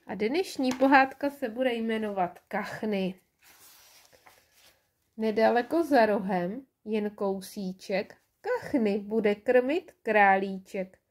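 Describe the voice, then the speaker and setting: A woman reading a children's audiobook in a warm, lively storytelling way. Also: mid-range voice. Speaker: storybook reader.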